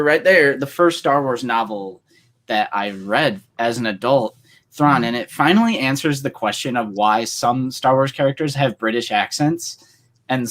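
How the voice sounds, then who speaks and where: A man's voice: medium pitch, a bit bright. Chatty man co-hosting a fan livestream. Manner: rambling, filler-heavy, enthusiastic fan talk. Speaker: co-host. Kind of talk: casual livestream chat.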